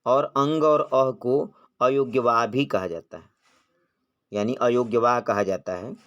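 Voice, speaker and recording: A man's voice: medium pitch, measured pace, fairly bright tone, smooth, lo-fi sound. A man teaching an exam-prep grammar lesson, posing questions and answering them himself, drawing out vowel sounds when he demonstrates them.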